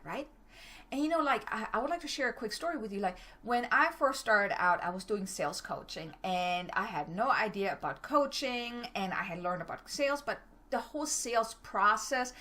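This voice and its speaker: Speaking as a business coach, this middle-aged woman from Germany delivers motivation quickly and bluntly in a German accent, tripping over words now and then. She has a fairly high pitch and a fairly bright tone.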